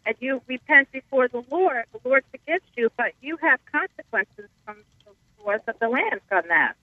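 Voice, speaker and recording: A woman calling in to a radio show on her car speakerphone, talking haltingly with many fillers and restarts. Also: high voice, lively intonation, no echo. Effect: car speakerphone over a phone line. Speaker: caller. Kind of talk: call-in radio talk. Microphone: phone speakerphone. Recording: tinny phone line, dry.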